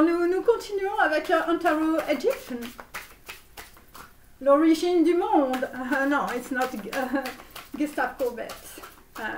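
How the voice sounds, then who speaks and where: A woman doing a flamboyant Romanian tarot guru. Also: sits high. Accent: put-on Romanian accent in French. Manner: grandiose, sprinkles English words, drawn-out phrases. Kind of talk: parody tarot reading. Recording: roomy echo, mic far off.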